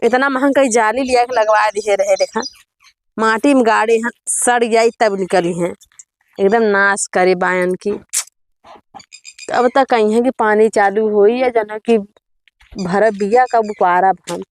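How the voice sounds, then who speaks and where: A woman's voice: mid-range voice, a little slow, lightly acted. A woman playing an exasperated village farm wife in a comedy sketch, grumbling plaintively in an Awadhi accent. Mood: grumbling, aggrieved. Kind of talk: rural comedy sketch acting.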